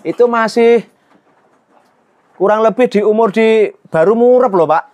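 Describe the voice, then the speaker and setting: A man's voice: high voice, unhurried, darkish tone, highs cut off. A middle-aged man, earnestly telling his life story in an interview, often adding a polite "Pak". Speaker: goat farmer and trader.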